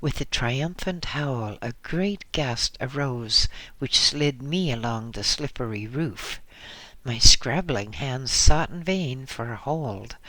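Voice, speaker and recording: A man narrating a first-person memoir as an audiobook, in a measured, dramatic way. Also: medium pitch, lively intonation, bright, forceful tone, no room sound. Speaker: audiobook reader.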